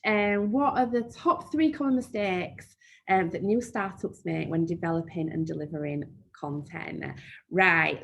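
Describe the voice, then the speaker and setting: A fairly low-pitched woman from Yorkshire, England, a marketing trainer with a broad accent, leads a live webinar and handles questions in a chatty, down-to-earth style, often saying "um".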